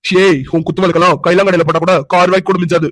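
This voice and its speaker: A man's voice: sits high, flat delivery, very fast, a bit bright, no room sound, rough recording. A man voicing a brash young man who teases and argues but has a kind side. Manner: brash and teasing.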